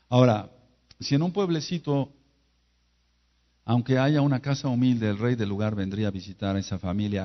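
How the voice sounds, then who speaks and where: A man preaching a sermon, full of rhetorical questions and repeated phrases. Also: fairly low pitch. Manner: emphatic, rhetorical questions and repetition. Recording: dull lo-fi video audio.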